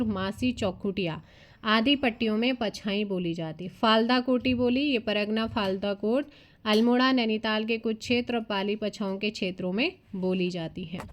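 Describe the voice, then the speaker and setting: A woman with a slightly high voice reads exam notes aloud as a coaching teacher. She works through long lists of names steadily, stopping now and then to point something out to her students. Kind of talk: reading out study notes for an exam.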